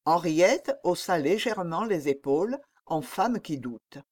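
A woman reads a novel chapter aloud in scripted narration. She takes her time, letting her pitch rise and fall widely. Her reading stays measured and expressive. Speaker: audiobook narrator.

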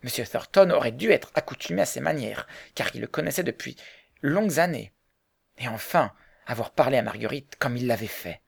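A male audiobook narrator reads a novel in a calm, even way. His voice is strongly gravelly with a constant creak. His pitch sits in the middle of the male range. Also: fairly quick. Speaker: audiobook reader. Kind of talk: scripted narration.

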